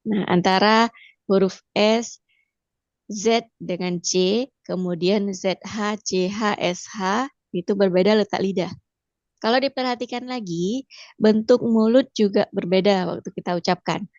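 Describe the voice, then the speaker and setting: A woman with an Indonesian accent leads a pronunciation lesson, drilling each sound slowly and patiently. Her voice sits in the middle range. The recording is dry and a little dull. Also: mid-range voice, darkish tone, no echo. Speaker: Mandarin teacher. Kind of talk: online language lesson.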